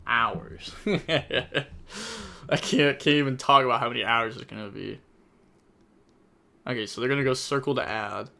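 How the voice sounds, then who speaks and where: A man's voice: mid-range voice, expressive, measured pace, creaky, long pauses, pushed and bright. A young man casually commentating a card game tournament on a live stream, chatty and thinking aloud, repeating phrases and laughing often.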